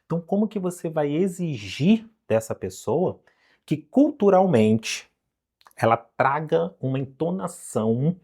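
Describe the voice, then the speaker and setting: Brazilian male English teacher, lively pitch, coaxing rhetorical-question delivery, direct to camera. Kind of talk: online lesson to camera.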